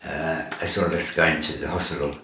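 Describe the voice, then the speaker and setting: A man's voice: a bass voice, little pitch movement, moderate pace, pushed and bright. A man giving personal testimony as a patient about his own care. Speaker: patient sharing treatment experience. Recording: echoey room.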